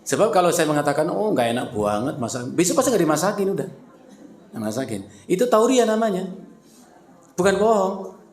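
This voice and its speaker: A man's voice: sits high, very animated, a little fast, pauses often, slight background noise. Joking male preacher in echoey mosque. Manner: joking, playful, addresses listeners directly. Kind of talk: conversational sermon to women. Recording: roomy echo.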